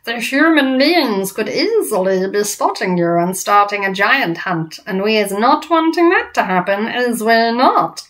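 A woman voicing a huge, menacing male giant in a storybook, booming and taunting in mangled folksy grammar. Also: animated, unhurried, few pauses, a bit bright. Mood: menacing, bullying.

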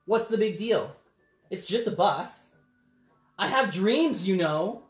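A man voicing a pleading, pushy, excitable cartoon pigeon from a children's picture book, with a whiny, wheedling delivery. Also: high-pitched, slow, echoey room, faint music behind, pitched above the performer's own voice. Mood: whiny, outraged.

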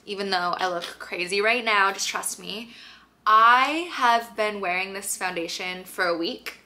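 A woman's voice: mid-range voice, a little slow, bright, forceful tone. A young woman chatting to camera from her bedroom about her monthly favorites, upbeat and full of fillers. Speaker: lifestyle vlogger. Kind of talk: casual chat to camera. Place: bedroom at home, indoors.

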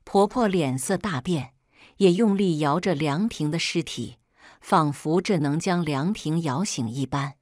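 A woman narrating a first-person story in a steady, low-key scripted way. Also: a little slow, no echo, studio quality.

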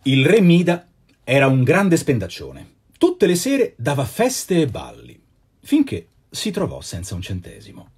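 Male actor, storybook reader: theatrical and playful, husky tone, highish voice. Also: wildly swooping pitch, unhurried, darkish tone. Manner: theatrical, playful, chatty asides. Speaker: actor and voice actor reading children's stories. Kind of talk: live storybook reading.

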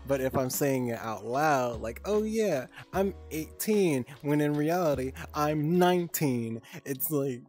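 A woman's voice: sits low, animated, unhurried, few pauses, darkish tone, soft background music. A woman in her twenties chatting casually with her stream chat, laid-back and giggly, swearing freely. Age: 20s.

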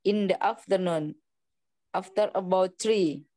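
A woman student practising a phone call in halting English with an Indonesian accent. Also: mid-range voice, warm tone, no echo. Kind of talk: role-play phone practice.

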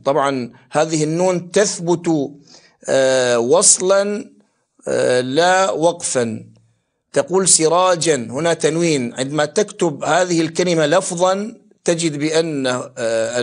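A man, a sheikh, giving a tajweed lesson, chanting verses in long melodic phrases and explaining in measured, pausing speech. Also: fairly high pitch. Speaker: sheikh teaching Quran recitation rules. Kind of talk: tajweed lesson with Quran recitation.

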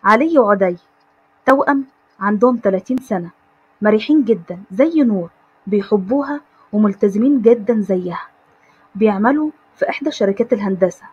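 A woman with an Egyptian accent narrating an animated story and addressing viewers. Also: medium pitch, a little fast, pauses often, slightly rough, muffled recording. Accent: Egyptian Arabic.

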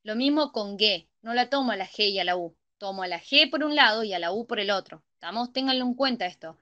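A woman's voice: medium pitch, animated, brisk, bright, forceful tone, dull audio. A woman teaching a grammar class, often checking that students follow. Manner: checks understanding with frequent ¿sí? and ¿estamos?. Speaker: tutor.

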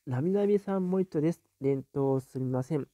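A man hosting a casual live stream, reading viewer comments aloud and musing on them with soft little fillers. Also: on the high side, brisk, dry recording.

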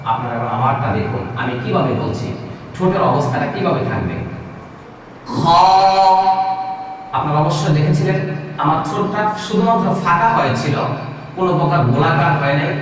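A man's voice: on the high side, slight background noise. A man from Bangladesh with a Bangladeshi Bengali accent, teaching Quran letters in a patient, repetitive way and drawing out each sound. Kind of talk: recorded recitation lesson. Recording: echoey hall, voice from a distance.

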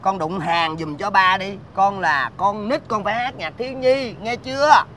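A man's voice: high voice, moderate pace, slight background noise. An actor playing a bickering, melodramatic father in a comedy sketch, speaking with an exaggerated, pleading delivery. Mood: quarrelsome. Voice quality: lively, wailing, exaggerated pleading. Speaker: comic actor in a stage sketch.

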